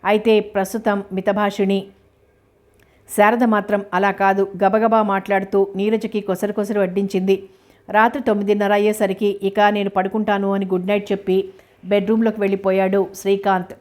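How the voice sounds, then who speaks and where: Woman reading a novel in a flat voice. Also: mid-range voice, brisk. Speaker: narrator.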